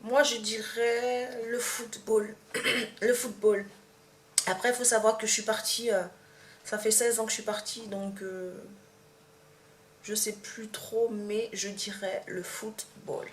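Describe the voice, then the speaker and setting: A young woman with a Martinican accent talks casually to her camera, often pausing and restarting her sentences. Her voice rings in a bare, echoey room, with a faint hum underneath. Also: medium pitch, level tone. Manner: hesitant, many fillers and restarts. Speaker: vlogger. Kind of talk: casual tag video to camera.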